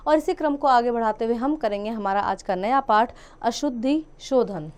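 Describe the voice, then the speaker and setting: A woman teacher talks children through a grammar lesson in a patient classroom manner. She says each word twice and often stops to check that they follow. Her voice sits a little high and sounds smooth and clear. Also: moderate pace, a little mellow.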